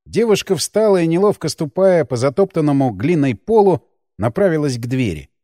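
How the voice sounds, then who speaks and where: Expressive, high-voiced male audiobook narrator. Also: moderate pace, dry recording, clean studio sound.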